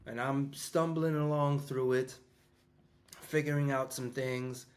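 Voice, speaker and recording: A fifty-year-old business coach from New York, who also founded a school, talks slowly in a medium-pitched, even voice. His casual address to the audience wanders, full of fillers and false starts.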